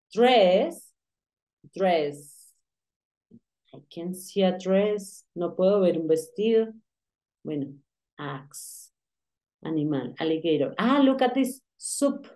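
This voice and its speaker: A woman teaching English in a relaxed lesson, repeating words and explaining pronunciation. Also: fairly low pitch. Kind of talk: casual online English lesson.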